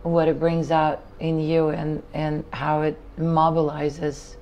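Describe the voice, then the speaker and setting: A woman's voice: low-pitched, monotone, slow pace, a little mellow, a little hiss or hum. A woman interviewing an older man, speaking in an admiring, reflective way. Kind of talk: earnest interview talk.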